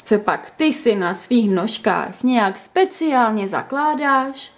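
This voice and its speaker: A woman's voice: a little high, lively intonation. Casting: cheeky storybook lad, read by a woman, teasing and playful. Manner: teasing, mock-gallant, playful. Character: teasing, cheeky young man, the story's first-person hero. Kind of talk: storybook reading.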